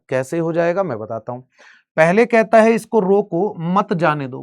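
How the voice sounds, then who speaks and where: Man, Bihari accent, high-pitched, exam-prep teacher, step-by-step explaining. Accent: Bihari Hindi. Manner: explains step by step, asks students rhetorical questions. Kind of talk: exam-prep grammar lesson.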